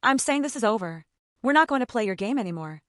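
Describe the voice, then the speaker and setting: Lady reading a grown son putting his foot down, firm and direct, kinda high voice. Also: expressive, quick pace, dry recording, studio quality, lightly acted. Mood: resolute.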